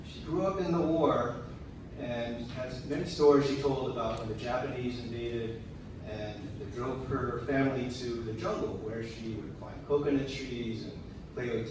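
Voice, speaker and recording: A man delivering a prepared eulogy in a tender, measured way, with deliberate pauses. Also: medium pitch. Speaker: son giving a eulogy. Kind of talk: prepared memorial speech. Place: large room at a memorial service. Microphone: picked up from a distance. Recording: very echoey, distant, noisy hall.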